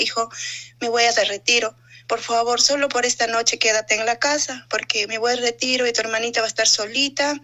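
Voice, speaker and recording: A woman's voice: on the high side, sharp tone. A middle-aged woman giving an earnest personal faith testimony, telling her story and often calling her listener brother. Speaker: testimony speaker.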